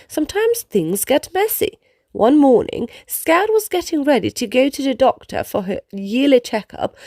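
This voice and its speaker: A woman with a high-pitched voice reads a children's picture book aloud in an expressive storytelling style. The recording is dry and studio quality.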